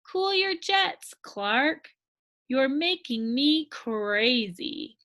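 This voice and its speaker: A woman's voice: high-pitched, sing-song, very slow, pushed and bright, heavily acted. A woman voicing an easily exasperated young boy fish in a storybook, exclaiming dramatically. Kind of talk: storybook character voice.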